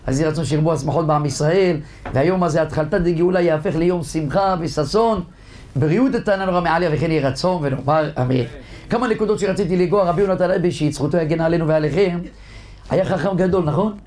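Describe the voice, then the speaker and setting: A male rabbi giving a humorous sermon, telling jokes and stories to his congregation. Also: on the high side. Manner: lively joke-telling storyteller addressing a congregation.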